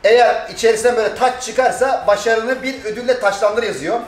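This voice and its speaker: Excited fast-talking Thracian Turkish man. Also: high-pitched, roomy sound. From Turkey. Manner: excited, chatty, laughing often. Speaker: vlog host. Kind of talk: casual vlog chat.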